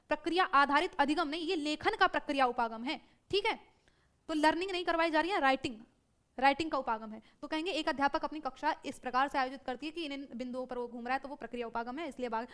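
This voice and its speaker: Quick high-voiced woman teaching a class. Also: fairly bright tone. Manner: brisk, self-correcting, often asks the class and checks in with "ठीक है". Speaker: exam prep teacher. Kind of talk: live online exam-prep class.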